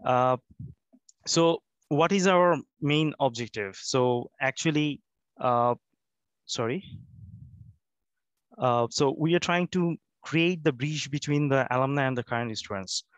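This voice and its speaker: A man's voice: medium pitch, takes it slowly, pauses often, smooth, dry recording. A man representing an alumni association, giving a hesitant remote presentation with many fillers and restarts, sleepy from jet lag.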